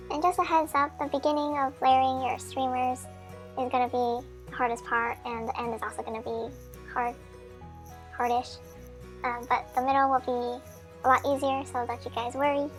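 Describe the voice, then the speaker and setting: A woman's voice sped up into a chipmunk voice, giving a chatty, friendly craft how-to voice-over with small slips. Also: high-pitched. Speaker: craft tutorial maker.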